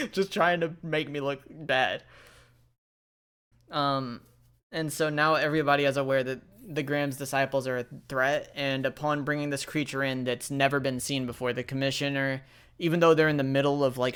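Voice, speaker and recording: Brief: male game master, casual rambling narration, smooth voice. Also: medium pitch, little pitch movement, a little fast, fairly bright tone. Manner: rambling, many fillers.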